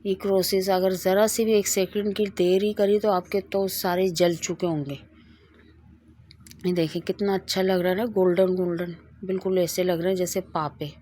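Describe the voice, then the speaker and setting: A woman's voice: fairly low pitch, flat delivery, moderate pace, mellow. A middle-aged woman hosting a home cooking video, chatting as she demonstrates a recipe and tells a moral story along the way. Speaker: cooking channel host.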